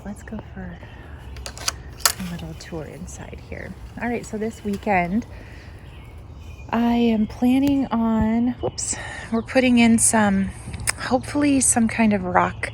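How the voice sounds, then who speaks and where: Speaking with vocal fry at a medium pitch, a woman wanders her backyard vegetable garden for her vlog, casually chatting and thinking through things aloud. The outdoor recording is noisy, with birds singing in the background.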